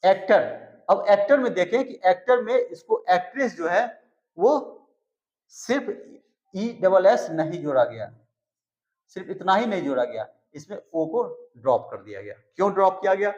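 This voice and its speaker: A man teaching English grammar in Hindi, spelling out and repeating words slowly to show their pronunciation. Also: high voice, animated, darkish tone. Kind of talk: explanatory lesson. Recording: echoey, slightly dull recording.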